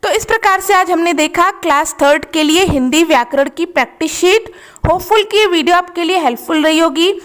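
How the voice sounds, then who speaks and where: A woman with a high voice takes a worksheet lesson at a patient, slow pace. She spells out each word letter by letter, like a teacher at the board. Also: a bit bright.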